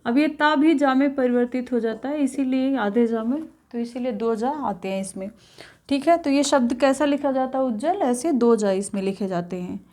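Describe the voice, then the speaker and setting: High-voiced woman teaching spelling. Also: normal speed, darkish tone. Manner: explains patiently, repeats each word, checks in with students often. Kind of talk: exam-prep spelling lesson.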